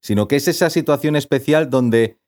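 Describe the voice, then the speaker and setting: A man's voice: mid-range voice, normal speed. Rambling man telling stories. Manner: rambling, animated storytelling, self-doubting. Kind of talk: casual chat.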